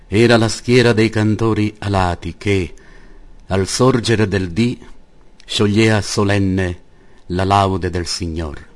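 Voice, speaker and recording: Slow, low-voiced solemn male narrator. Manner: declamatory, old-fashioned literary phrasing. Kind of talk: solemn scripted story narration.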